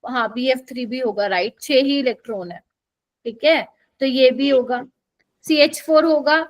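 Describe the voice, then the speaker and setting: A woman's voice: high voice, normal speed, poor audio. A young woman teaching a live chemistry exam-prep class in Hindi mixed with English terms, quizzing students and often checking that they follow.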